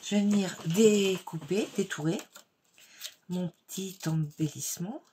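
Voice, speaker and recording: A woman hosting a card-making tutorial at her home craft table, explaining each step in a chatty, unhurried way with many fillers. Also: lowish voice, warm tone, slight background noise.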